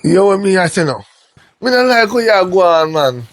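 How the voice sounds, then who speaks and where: Actor as a Jamaican brother, high voice, insistent, complaining. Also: male voice, big pitch swings, normal speed, fairly bright tone. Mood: aggrieved. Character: aggrieved brother demanding his money back. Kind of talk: Jamaican patois film acting.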